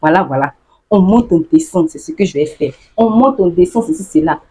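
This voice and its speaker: A woman speaks to her viewers in a relaxed, chatty vlog. Her voice is low and breathy. She laughs often and acts out the sayings she explains. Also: a little fast. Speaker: YouTuber explaining local slang.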